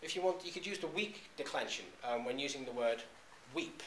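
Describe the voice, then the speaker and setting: Halting male lecturer in an echoey room. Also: mid-range voice, animated, a bit bright, slight background noise. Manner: halting, frequent "um"s and restarts. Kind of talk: classroom lecture. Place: classroom.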